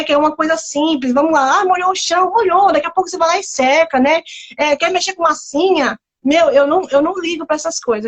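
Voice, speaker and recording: High-voiced woman explaining parenting limits. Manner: explains with home examples, many fillers. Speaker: guest therapist. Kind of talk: casual interview talk.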